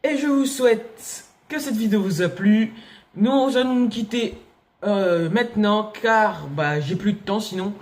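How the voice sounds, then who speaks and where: A young man giving excitable let's play commentary, yelping and laughing at enemies. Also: high-pitched, a little slow. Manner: excitable, shouts and yelps at enemies, laughs often. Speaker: gaming youtuber.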